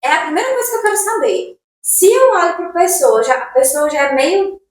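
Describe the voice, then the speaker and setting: A woman's voice: very high-pitched, expressive, a little fast. A woman in casual chat on a podcast, speaking emphatically and firing off rhetorical questions. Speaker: podcast co-host. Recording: echoey room, voice far from mic.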